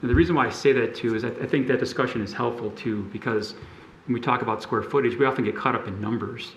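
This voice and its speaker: A man on a city zoning board asking questions and discussing a case, thoughtful and halting, often restarting his sentences. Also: medium pitch, echoey room, slight background noise, low-quality recording.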